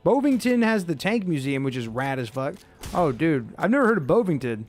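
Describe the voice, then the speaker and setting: A laid-back young American man chats with his viewers as he plays, his voice pitched a little high for a man. He swears freely and keeps it easygoing. Faint game music plays underneath. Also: very animated, a little fast. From United States. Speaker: streamer. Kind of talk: casual gameplay commentary.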